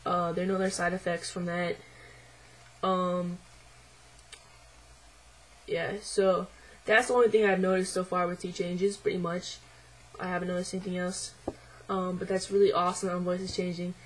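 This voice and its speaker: A young male vlogger talks into his camera at home for a casual personal video diary, his voice midway through deepening and a bit unsettled, middle-pitched and fairly flat. He sounds hesitant and reflective, filling pauses with ums and likes. The audio is poor, with faint noise humming behind him.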